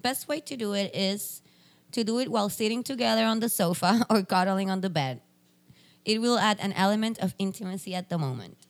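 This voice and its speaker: A woman's voice: mid-range voice, normal speed. A young adult woman, chatting casually on a podcast, reading items aloud and joking. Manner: reads list items aloud, then jokes and laughs. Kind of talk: casual chat.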